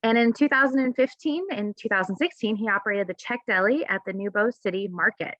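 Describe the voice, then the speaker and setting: A woman's voice: mid-range voice, a little fast, a bit bright, no room sound, lo-fi sound. A woman hosting a webinar who politely reads a prepared introduction, with occasional fillers. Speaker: webinar host. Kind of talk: scripted introduction.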